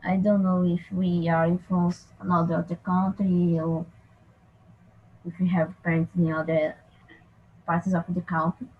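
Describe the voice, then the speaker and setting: Brazilian woman, super slow, hunts for english words, muffled lo-fi mic, bit of hiss. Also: lowish voice, flat delivery. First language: Portuguese. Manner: halting, searching for English words. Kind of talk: casual group discussion. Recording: dull lo-fi mic with faint background noise.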